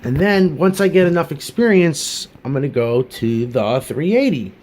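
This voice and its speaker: A man's voice: on the high side, expressive, normal speed, darkish tone. A man giving a casual hobby review, chatty and earnest, rambling with many fillers and restarts.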